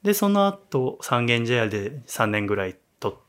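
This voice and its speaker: A male host chatting on a casual radio program recorded in a small bar. His pitch sits in a middling register but swings widely as he jokes and teases his guest. He keeps his voice restrained and soft. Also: big pitch swings, normal speed, clean tone. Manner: playful, teasing, habitually soft-spoken. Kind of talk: casual chat. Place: small bar used as studio.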